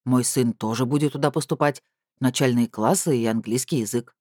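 A woman's voice: a bass voice, a little fast, dark tone, dry recording, clean studio sound. A woman voicing a know-it-all father. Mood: matter-of-fact. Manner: matter-of-fact, correcting. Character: self-assured middle-aged man in a suit.

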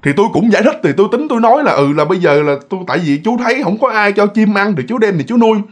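A man's voice: high-pitched, lively intonation, rapid-fire, pitched above the performer's own voice. A man voicing a fretful, frightened middle-aged village uncle, complaining in a rambling, breathless rush. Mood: agitated.

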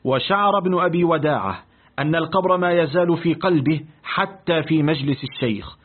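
A man narrating a literary audiobook in a deliberate, expressive reading. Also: a little high. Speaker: audiobook reader. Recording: tinny, lo-fi phone-like audio.

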